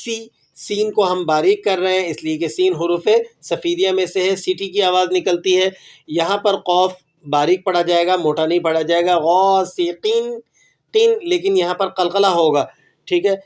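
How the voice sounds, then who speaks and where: A man with a fairly high voice gives a tajweed lesson on Quran recitation. He explains each rule patiently, poses a question and then answers it himself. He repeats phrases slowly so that learners can echo him. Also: fairly even intonation.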